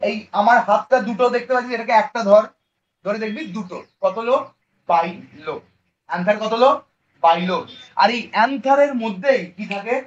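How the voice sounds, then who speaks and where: Brisk and high-voiced, a Bengali-accented man teaches biology in an online class, firing questions at students, answering them himself and weaving English terms into casual speech. The recording sounds dull and lo-fi.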